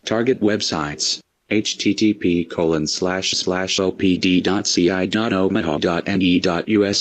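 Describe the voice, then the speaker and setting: A man with a disguised, pitched-down deep voice, reading a scripted statement in a flat, measured, ominous way, as an anonymous spokesman. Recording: dull lo-fi, dry sound.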